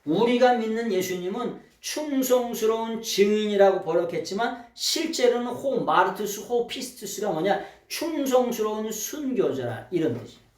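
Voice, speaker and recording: A male pastor preaching a sermon. He throws questions out to the congregation and swings from shouting to quiet asides. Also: high voice, lively intonation, normal speed, roomy sound, far from the mic. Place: church sanctuary.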